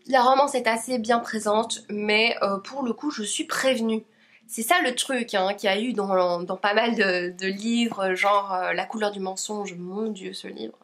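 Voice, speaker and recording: A woman's voice: mid-range voice, fairly bright tone. A young woman from Belgium, chatting casually about her reading pile with many hesitations. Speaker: book YouTuber. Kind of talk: casual book haul chat.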